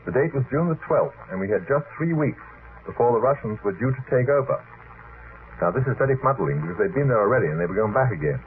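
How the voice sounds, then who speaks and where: Speaking fast with a mid-range, lively voice, a man runs an unscripted late-night talk in a radio studio, frequently interrupting to guide the conversation while sounding verbose and unsure. The vintage archive audio is noisy and telephone-like.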